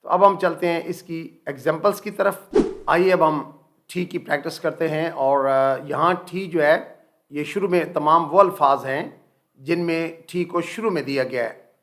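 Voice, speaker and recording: A man's voice: on the high side, measured pace, fairly bright tone. A man teaching English pronunciation, drawing out his words and saying each example word twice. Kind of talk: slow, deliberate teaching.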